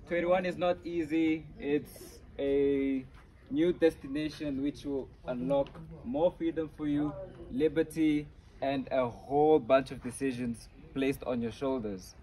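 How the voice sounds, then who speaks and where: A man's voice: a little high, darkish tone, rough recording. A young man from Namibia giving an earnest birthday speech to guests at an outdoor night party, speaking up so the crowd can hear. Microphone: phone camera a few metres away.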